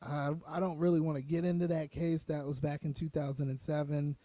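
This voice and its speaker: A man's voice: fairly high pitch, level tone, a little fast, dark tone, no echo. Heated man ranting on a show. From United States. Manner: heated, emphatic, repetitive, profane. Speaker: show host. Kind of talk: opinion commentary rant.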